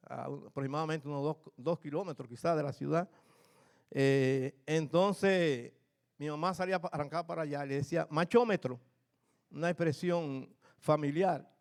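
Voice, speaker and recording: A man's voice: fairly high pitch, normal speed, creaky, clear, resonant tone. An older man, a pastor, preaching a sermon in church, telling family stories with humor and asking the congregation questions. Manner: storytelling, lively and humorous, addresses congregation.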